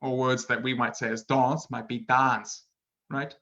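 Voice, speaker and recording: A male English teacher gives a casual webinar lesson through a computer mic, and the sound is lo-fi. His mid-range voice has little pitch movement and is unhurried, bright and forceful. He's chatty and playful, laughs at himself, and tags his sentences with "right?".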